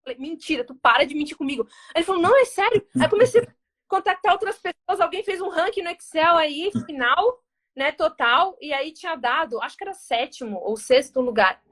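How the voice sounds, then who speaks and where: A woman with a very high, bright voice tells her story with lively energy. She acts out the voices of the people in it. She sounds like a guest in an interview. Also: fairly quick. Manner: animated, acts out quoted dialogue.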